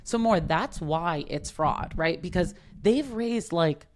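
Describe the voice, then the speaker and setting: A woman co-hosting a casual chat podcast, agreeable and quick to chime in. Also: on the low side, animated. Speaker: podcast co-host.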